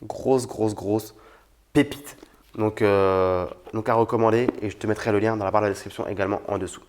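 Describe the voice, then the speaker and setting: A man's voice: fairly low pitch, fairly even intonation, normal speed, a little mellow. A young man from France talking frankly and casually to camera about books he recommends, with many fillers and restarts. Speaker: youtuber reviewing books.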